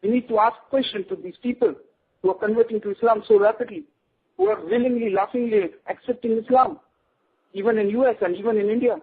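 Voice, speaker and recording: High-voiced man lecturing over a phone line. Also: steady tone, fast, husky. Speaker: radio guest. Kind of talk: radio interview.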